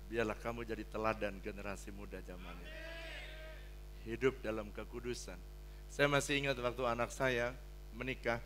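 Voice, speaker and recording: An older man preaching a sermon as pastor, blunt and joking, swinging from hushed pleading to loud exclamations. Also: fairly low pitch, fairly even intonation, moderate pace, long pauses, a little hiss or hum. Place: church hall.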